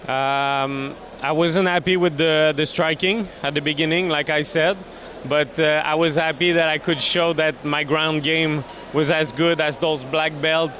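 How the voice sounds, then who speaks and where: A man's voice: a little high, steady tone, measured pace, pushed and bright. A man with a Québécois French accent, a native French speaker, talking casually and confidently in English as a fighter in a post-fight interview. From Quebec, Canada. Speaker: MMA fighter being interviewed. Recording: clear urban ambient noise behind.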